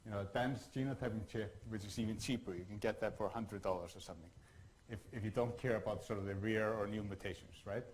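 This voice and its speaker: A man from Iceland giving a workshop lecture, talking in a halting way with many fillers and restarts. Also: lowish voice, darkish tone, slight background noise, low-quality recording.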